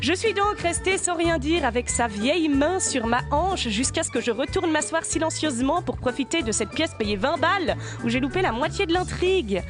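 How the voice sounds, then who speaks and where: Casting: female comic storyteller, high voice, sarcastic and theatrical with crude exasperated outbursts, music underneath. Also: expressive, normal speed, few pauses. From Switzerland. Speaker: radio comedy columnist.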